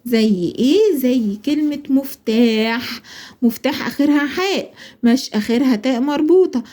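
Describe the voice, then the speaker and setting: Egyptian lady teacher explaining spelling to little kids, high but mellow voice, asks herself questions then answers. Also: moderate pace. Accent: Egyptian Arabic. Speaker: primary school Arabic teacher. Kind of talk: explaining a school lesson.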